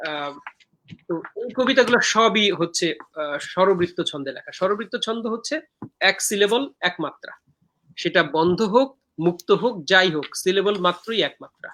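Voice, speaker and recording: A man hosting a live poetry talk over a video call, explaining verse meter in a measured way with frequent hesitant fillers. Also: high voice, animated, sharp tone. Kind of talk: explaining verse meter and reading viewer comments.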